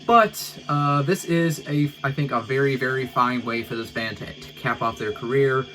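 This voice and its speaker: A man's voice: medium pitch, moderate pace, low-quality recording. A man casually ranking albums on his own channel, talking in a loose, rambling way full of "like" and "uh". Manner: rambling, laid-back, lots of "like" and "uh". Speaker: music reviewer.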